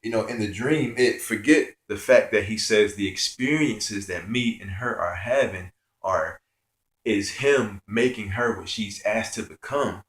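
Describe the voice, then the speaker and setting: Low-voiced man, earnest rambling storyteller. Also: unhurried, echoey room. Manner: earnest, rambling, heavy on fillers. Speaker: spiritual vlogger. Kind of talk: personal spiritual storytelling.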